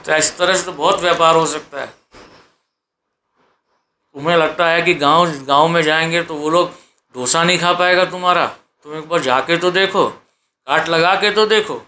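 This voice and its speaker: A man talks straight to his viewers from his sofa at home in a preachy vlog monologue. His voice sits a little high and comes across tense and pushing. He keeps repeating phrases and firing off rhetorical questions. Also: moderate pace, bright, forceful tone. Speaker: vlogger. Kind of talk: exhortative monologue.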